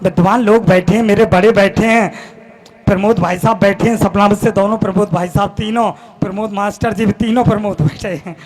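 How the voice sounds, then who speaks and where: A man reciting his own verse on stage at a poetry gathering, declaiming in a fiery, impassioned style, repeating and shouting key lines. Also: high voice, fairly even intonation, a little fast, poor audio.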